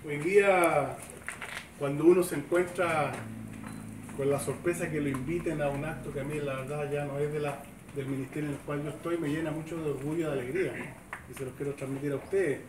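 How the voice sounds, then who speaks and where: A man's voice: fairly high pitch, fairly even intonation, fairly quick. A middle-aged man with a Chilean accent gives a chatty, informal speech at a club event, often checking with the crowd. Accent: Chilean Spanish. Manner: chatty, folksy, seeking agreement with tag questions. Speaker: government official giving a speech. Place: open-sided covered sports shed, semi-outdoors. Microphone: far camera, no microphone. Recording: echoey shed heard from a distance, background noise.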